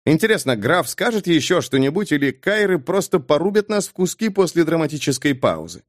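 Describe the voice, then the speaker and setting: An uneasy companion , voiced by a male narrator, murmurs wary, hushed lines. His pitch moves a lot over a dry sound. Storybook reading. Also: sing-song, brisk, dry recording. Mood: wry.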